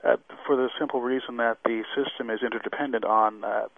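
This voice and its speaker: A man's voice: mid-range voice, fairly even intonation, fairly quick, gravelly, no room sound. A man giving expert commentary as a radio interview guest, explaining formally with examples over a narrow phone-like line. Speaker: airline safety expert guest. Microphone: remote line into radio show.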